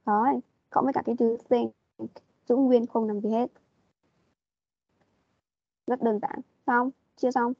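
A woman's voice: a little high, fairly even intonation, a little slow, long pauses, no echo. A woman teaching an online English class, patiently prompting and repeating her questions over a video call. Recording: dull lo-fi meeting audio.

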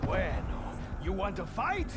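An actor voicing a vain, boastful Mexican fighter with a theatrical, taunting delivery in a video game. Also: male voice, high voice, wildly swooping pitch, measured pace, very noisy, full character voice. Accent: Mexican Spanish. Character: cocky, vain swashbuckling male Mexican fighter, Diego. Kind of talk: video game character combat barks. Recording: game music and gunfire behind.

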